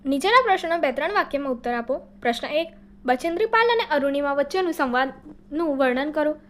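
A woman teaching by reading workbook answers aloud in a steady, explanatory way, now and then correcting a slip. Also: high-pitched, fast talker.

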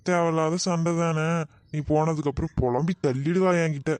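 A mild husband who soothes and gently pleads, as a woman puts him on, his voice pushed lower than hers. The sound is dry and close in a comic sketch. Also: fairly quick, no echo, natural voice. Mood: soothing. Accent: Kanyakumari Tamil. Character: easygoing husband, mild and reassuring.

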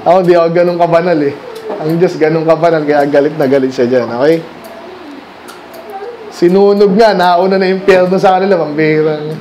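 A man's voice: a little high, fairly even intonation, brisk, darkish tone, slight background noise. A man from the Philippines preaching a sermon in a conversational style, firing rhetorical questions at the congregation and switching between Tagalog and English. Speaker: pastor. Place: church during a Sunday night service.

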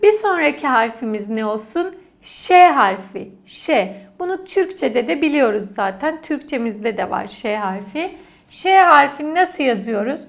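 Woman teacher, high voice, unhurried pace, patient, repeats every letter for children. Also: sing-song, vocal fry. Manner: patient, repeats each letter and word aloud. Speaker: language teacher. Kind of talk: slow classroom lesson for children.

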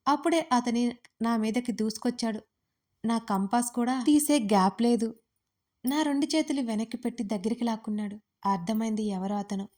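A woman telling a first-person romance story with expressive, dramatic delivery. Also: on the high side.

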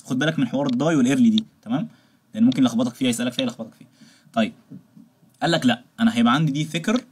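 A man with an Egyptian Arabic accent lectures at a very rapid pace, switching into English terms. His voice is somewhat husky, at a middle pitch, and he keeps checking in with the listener. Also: a little mellow. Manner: rapid, explaining with many check-ins and asides. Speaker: veterinary lecturer.

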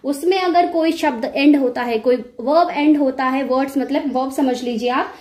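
High-voiced woman teaching grammar, echoey room. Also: normal speed, a little mellow. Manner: explains step by step, asks and answers her own questions. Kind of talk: recorded lecture.

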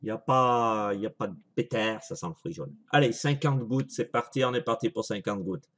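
In a casual home video review, a vaping vlogger with a fairly low, slightly bright voice talks a little fast. He's chatty and apologetic, thinking aloud with lots of fillers as he shows products.

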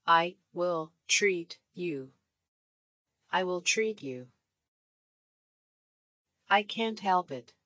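A woman reading short English phrases for learners, saying each one three times in a measured, clear way. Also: lowish voice, pushed and bright, no echo. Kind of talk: slow repeated phrase drills.

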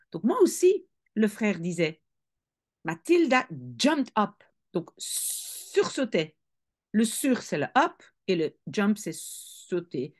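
Slow, lively-voiced teacher. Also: female voice, medium pitch. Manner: patient explaining, switching between English reading and French explanation; clears her throat now and then. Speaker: language teacher. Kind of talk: reading a novel aloud and translating it for students.

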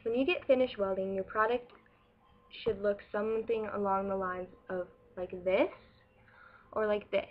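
Sitting before a plain wall in a small room, a young woman explains her welding school project to her webcam, stumbling through ums and restarts in a casual manner. Her voice is mid-range, and the lo-fi webcam sound is dull.

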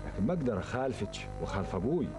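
An actor playing a dutiful, respectful young Bedouin son in a television drama, with a Bedouin Arabic accent. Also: male voice, lowish voice, very animated, rapid-fire, over music. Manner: respectful, earnest.

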